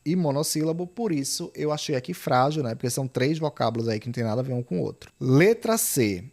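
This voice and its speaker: A man's voice: medium pitch, fast talker, gravelly, darkish tone. A man with a Brazilian Portuguese accent teaching an online grammar lesson for exam prep. He explains step by step, often checks in with the listener, and pushes key warnings with urgency. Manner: stresses key points with emphatic, urgent appeals.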